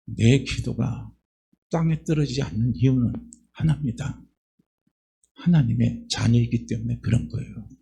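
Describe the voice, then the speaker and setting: A man pastor preaching a sermon in a church, with rhetorical questions and repeated phrases, building to loud emphatic passages. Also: mid-range voice, creaky, breathy edge. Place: church sanctuary.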